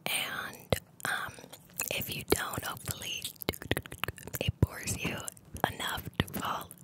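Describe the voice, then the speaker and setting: In a close-mic ASMR ramble, a woman whispers breathily as the host, taking her time and lingering over words she frequently repeats in strings.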